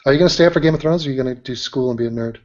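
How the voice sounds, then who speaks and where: A man's voice: medium pitch, racing, a little mellow. A man hosting a casual chat, joking and teasing his guests. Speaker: host. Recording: dull lo-fi audio.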